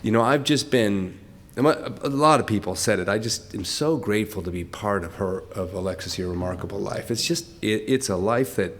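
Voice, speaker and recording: An older man giving heartfelt off-the-cuff remarks at a tribute, emotional and close to tears, speaking haltingly with many restarts and laughing through it. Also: fairly low pitch. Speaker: speaker at a corporate tribute event.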